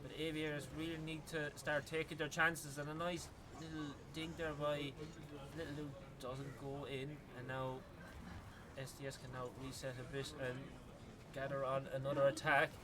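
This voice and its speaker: A man with an Irish accent doing live esports commentary, talking fast with lots of "like" fillers and rising to shouts on big plays. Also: a little high. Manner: excitable, rises to yelling on big plays, many "like" fillers. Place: gaming arena venue. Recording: loud crowd behind at a live event.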